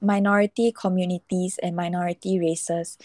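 A woman hosting a casual podcast, speaking haltingly as she searches for her words. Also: fairly low pitch, little pitch movement, a little mellow, no echo.

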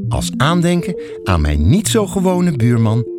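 A man narrating a children's audiobook fairy tale in an expressive storytelling manner. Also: a little high, a little slow, loud music behind the voice.

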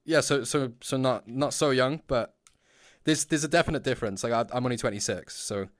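A man's voice: mid-range voice, fairly quick, no echo, clean studio sound. A man in his twenties hosting a podcast in casual chat, laughing often and swearing as he rambles. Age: 20s. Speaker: podcast host.

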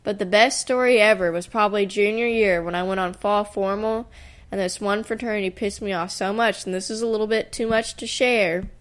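A woman's voice: mid-range voice, fairly even intonation, a little fast. Blunt, slangy young woman podcaster. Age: 20s. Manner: blunt, slangy, profane, acts out quotes. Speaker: podcast co-host. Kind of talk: casual anecdotal chat.

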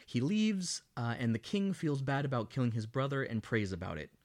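A man's voice: mid-range voice, animated, moderate pace, darkish tone. A man co-hosting a casual podcast, recapping a film scene by scene in a sarcastic, mocking tone and now and then hamming up quoted lines. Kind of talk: casual comedic chat.

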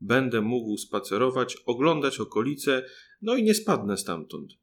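A man's voice: medium pitch, big pitch swings, unhurried. A man voicing a tiny, clever peasant boy who calls out eagerly and boldly in a storybook reading. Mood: cheeky.

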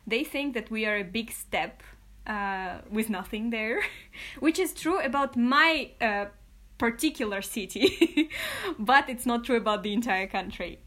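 A young woman from Kazakhstan, whose first languages are Kazakh and Russian, gives casual answers as an interview guest. Her higher voice is a bit bright and lively in intonation, a little slow, and she's chatty, laughing often, with many fillers and restarts.

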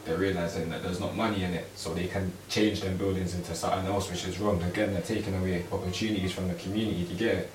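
A man's voice: sits low, little pitch movement, fast, few pauses. A man giving his opinion in casual chat, with frequent tag questions. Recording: roomy, distant mic, faint noise.

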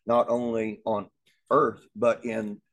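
A man's voice: fairly low pitch, level tone, slow, fairly bright tone. A man teaching a Bible lesson in an earnest way, often repeating words as he thinks aloud.

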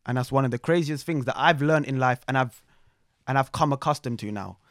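A young man with a London roadman accent hosting a talk show in animated slangy chat, repeating phrases for emphasis. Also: mid-range voice, brisk, no echo, clean studio sound. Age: young adult.

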